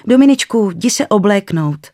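A narrator voicing a brisk young mother. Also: medium pitch, animated, darkish tone, no echo, clean studio sound, voice pushed up, close to an everyday voice.

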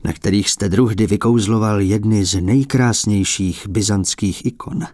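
A man's voice: fairly low pitch, steady tone, a little mellow, no room sound, studio quality, natural voice. A man voicing a courteous male art collector who pleads with an old abbot in a polite, earnest, coaxing manner.

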